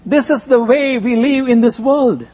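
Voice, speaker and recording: This is a native Gujarati speaker with an Indian accent, preaching in short bursts and stopping for an interpreter. His husky voice is pitched extremely high, with a darkish tone.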